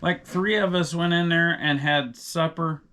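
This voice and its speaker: A man's voice: a little high, steady tone, measured pace, sharp tone, clear, resonant tone. A middle-aged man, co-hosting a podcast in casual chat and wandering off into long, digressive stories. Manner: rambling, digressive storyteller. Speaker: podcast co-host.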